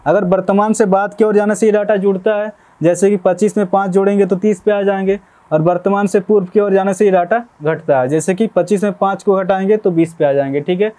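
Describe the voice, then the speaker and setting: A man's voice: sits high, steady tone, fairly quick, mellow. A young man teaching a maths lesson step by step, often checking in with "okay?". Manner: explanatory, repeats "theek hai" to check understanding. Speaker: math teacher.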